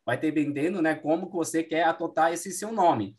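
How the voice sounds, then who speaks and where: A man's voice: fairly high pitch, moderate pace, darkish tone. Male teacher, patient. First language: Mandarin Chinese. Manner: explanatory, frequent "né" tags, self-corrections. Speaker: Mandarin teacher. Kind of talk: classroom explanation.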